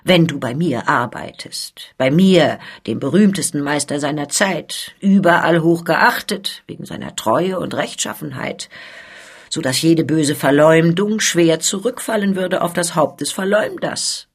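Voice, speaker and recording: A woman's voice: low-pitched, unhurried, breathy edge, heavily acted. A woman reading as a sly, menacing old goldsmith. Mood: coaxing. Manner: cold, threatening persuasion. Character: sly menacing older male master goldsmith.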